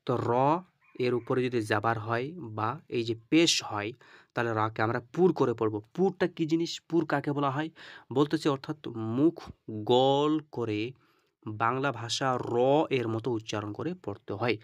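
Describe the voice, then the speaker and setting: A man teaches Quran reading in a lesson on Arabic letters, spelling out letters and vowel marks step by step and often checking "okay?". His voice is medium-pitched and his pace normal. The recording is lo-fi, with no room sound.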